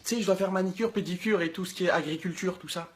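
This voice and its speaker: A man's voice: sits high, quick pace, voice pushed down, lightly acted. A man voicing an evasive young woman who hesitates and makes excuses to dodge a date. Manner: hesitant, soft, full of ums.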